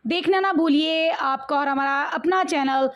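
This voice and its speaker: A woman's voice: high voice, fairly bright tone. A woman with a Pakistani accent reading scripted news as an anchor.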